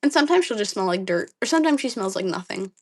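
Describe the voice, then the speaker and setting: Fast and animated, a young woman with a slightly dry, mid-range voice hosts a casual livestream. She reads comments aloud and fills her speech with ums and likes.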